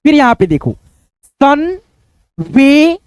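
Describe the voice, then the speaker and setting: A man teaching Hindi reading online, breaking hard words into syllables and repeating them slowly, often calling the viewers friends. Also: very high voice, animated, dry recording. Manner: addresses viewers as friends with frequent fillers.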